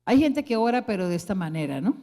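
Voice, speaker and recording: A middle-aged woman pastor with a Colombian Spanish accent preaches in a church sanctuary. Her voice sits at a middle pitch. She slows into hushed, prayerful passages and then lifts into emphatic appeals to the congregation. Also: sing-song. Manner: emotional preaching, slowing to soft prayerful tones then rising emphatically. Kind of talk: sermon.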